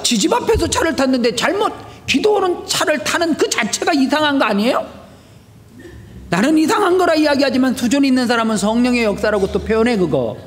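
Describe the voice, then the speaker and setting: A male pastor preaching a sermon, telling stories with shouted prayers and rhetorical questions. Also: very high-pitched, long reverb tail. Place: church sanctuary.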